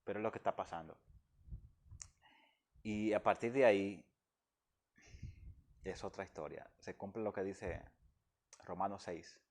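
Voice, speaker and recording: A man's voice: deep voice, steady tone, unhurried, long pauses, darkish tone. A man from the Dominican Republic, speaking as a guest and giving an emotional personal testimony in an earnest, heartfelt way.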